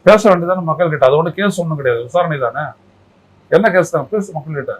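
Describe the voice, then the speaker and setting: A political commentator speaks in a heated interview, his voice sitting a little high for a man. He is combative and scolding, throwing one rhetorical question after another and mocking the person he is talking about. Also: animated, fast, rough recording.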